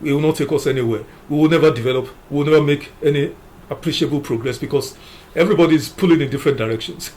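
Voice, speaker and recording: A man's voice: fairly high pitch, racing, darkish tone. A man giving political commentary, emphatic, working through numbered points with frequent "you know" fillers. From Nigeria. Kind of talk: opinion commentary.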